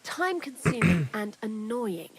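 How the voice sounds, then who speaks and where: A woman's voice: medium pitch, big pitch swings, unhurried, vocal fry, breathy edge, exaggerated voice. An actress voicing a sly, chatty medieval woman thief who hides out in a lair, talking bluntly and earthily in game dialogue.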